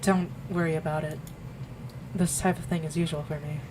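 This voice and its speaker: Quiet young art student, as a woman reads him. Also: low voice, steady tone, moderate pace, noisy background, voice pushed down, close to an everyday voice. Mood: low-key. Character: calm young male art student, shy and laid-back.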